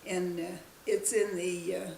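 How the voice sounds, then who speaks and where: Gravelly elderly woman recalling slowly. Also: fairly low pitch, little pitch movement, darkish tone, roomy sound, a little hiss or hum, low-quality recording. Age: 90s. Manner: slow, halting recollection. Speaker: interviewee, grandmother. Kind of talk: casual family interview.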